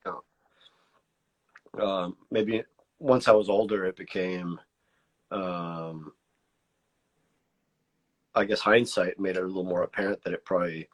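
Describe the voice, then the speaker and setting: A Mexican-born artist whose first language is Spanish speaks English with a slight pocho border accent tinged with Spanglish. His voice is low and steady, a little slow, with long pauses. Chatting casually as an interview guest, he hesitates, searches for words, and restarts often.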